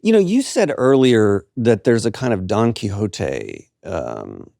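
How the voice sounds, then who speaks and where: A man's voice: fairly low pitch, big pitch swings, measured pace, gravelly, dark tone, no echo, studio quality. A man hosting a podcast conversation, explaining his thoughts in an easy, reflective way. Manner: thoughtful, explaining, laughs often. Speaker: podcast host. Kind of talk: casual conversation.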